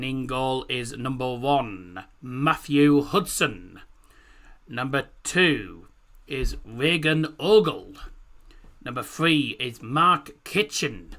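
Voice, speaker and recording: A man's voice: a little high, bright, forceful tone. A man hosting a football watchalong, announcing in an informal way, with a speech impediment that makes his r sound like w. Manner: informal, deliberate on names, swears mildly. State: has a cold. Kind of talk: live stream announcing, reading out team lineups.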